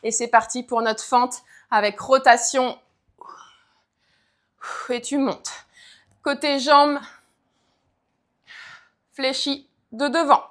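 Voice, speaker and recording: A woman's voice: sits high, steady tone, slow pace, pauses often, fairly bright tone. A woman leading a guided leg workout, counting reps and cueing form as she exercises. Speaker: fitness coach.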